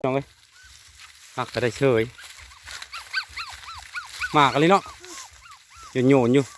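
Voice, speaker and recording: Speaking slowly at a medium pitch, a man with an Isan Thai accent records a vlog of a family outing out in the countryside. He keeps up relaxed, folksy chatter aimed at his viewers, with plenty of background noise from the rural outdoors.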